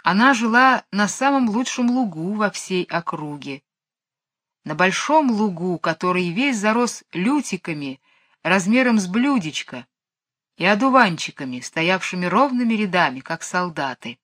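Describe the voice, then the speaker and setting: A woman reads a children's storybook aloud in a voice of middle height. She lifts her tone and speeds up when the children in the story grow excited. The recording is dry and close, with no room sound. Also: medium pitch, a little slow, dry recording. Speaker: audiobook reader. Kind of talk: expressive storybook reading.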